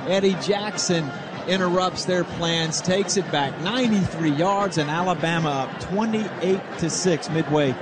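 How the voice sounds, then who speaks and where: A man's voice: high voice, unhurried, a crowd in the background. A man giving descriptive, wry live football analysis on radio from a stadium booth. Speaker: color commentator. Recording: clear stadium noise behind broadcast.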